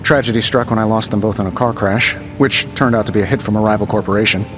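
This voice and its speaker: In video game dialogue, an American man voices a cocky, wisecracking superhero inventor in armour, trading glib, self-mocking, quick-witted banter. His natural voice is fairly low and steady. The game audio sounds dull, with music underneath.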